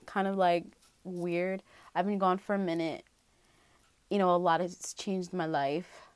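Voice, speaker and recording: A woman's voice: mid-range voice, clear, resonant tone, dry recording. Chatty woman vlogger, dry close sound. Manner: rambling, many fillers and restarts. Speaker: YouTuber reacting to a video. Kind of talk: casual reaction vlog chat.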